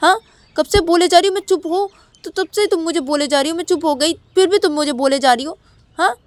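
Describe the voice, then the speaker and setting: A woman voicing Shruti, a defensive, quick-tempered young woman who repeats herself insistently. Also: medium pitch, flat delivery, dark tone, dry recording, natural voice. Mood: angry.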